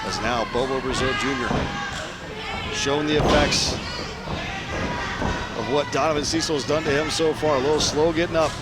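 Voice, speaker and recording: A man's voice: fairly high pitch, steady tone, normal speed, long pauses. A man calling live wrestling action as the play-by-play commentator, emphatic and speaking in short bursts. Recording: loud music behind commentary.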